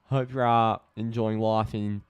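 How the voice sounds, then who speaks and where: Smooth-voiced Australian man calling footy. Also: on the low side, unhurried. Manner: excitable play-by-play, chats with viewers, swears when frustrated. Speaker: live stream host. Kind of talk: casual live match commentary.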